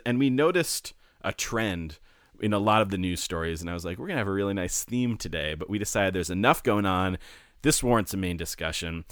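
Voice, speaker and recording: A man co-hosting a laid-back podcast, speaking into a studio microphone. His voice sits low and sounds smooth and resonant. He rambles easily and laughs often, in a dry, close room. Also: a bit bright, no room sound. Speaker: podcast co-host. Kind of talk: casual podcast chat.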